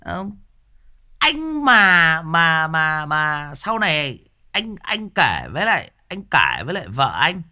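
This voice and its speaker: A man's voice: on the high side, wildly swooping pitch, slow pace, bright, forceful tone. A man, hosting a ghost story channel in a casual livestream chat. He talks in a playful, joking way and often repeats words while searching for the next one.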